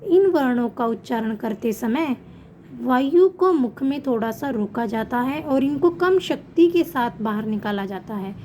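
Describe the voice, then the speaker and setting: A woman teaching an online Sanskrit class to children, explaining patiently and slowing down to pronounce example words. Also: fairly high pitch, mellow, slight background noise.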